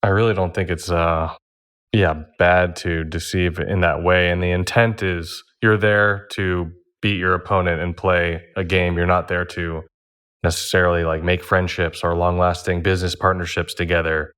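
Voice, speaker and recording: A man on a casual roundtable, laid-back and quick to laugh. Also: deep voice, level tone, a bit bright, clean tone. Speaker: podcast panelist and advantage player.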